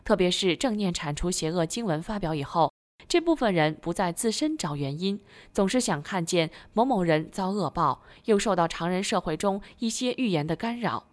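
Female reader with a slightly low voice and a steady, formal read. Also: normal speed. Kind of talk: reading aloud a scripted text.

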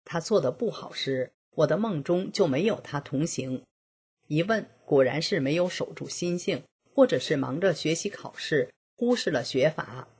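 A middle-aged woman narrating a personal account, reading in a steady, earnest way. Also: low voice, moderate pace, slightly rough. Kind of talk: scripted first-person reading.

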